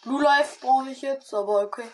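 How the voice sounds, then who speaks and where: A woman chatting with teammates during an online shooter match, trading slangy callouts and sometimes shouting in excitement. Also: high-pitched, normal speed, soft background music. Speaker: gamer. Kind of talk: excited gaming chat with teammates.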